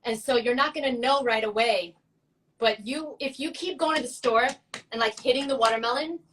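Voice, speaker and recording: A chatty woman with a fairly high voice, joking and laughing as she talks. She sounds a little distant, set back from the microphone. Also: normal speed, a bit bright, a little hiss or hum. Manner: chatty, laughing, playful asides. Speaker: co-host. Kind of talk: casual chat.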